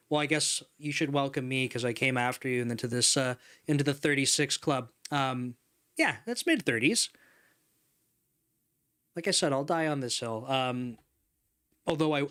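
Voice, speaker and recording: A man in his thirties hosts a casual livestream from a home studio with a couch and neon lights, speaking into a desk microphone in front of him. His voice is mid-range, a bit bright, clear and resonant. He chats at length, laughs often and reads chat messages aloud.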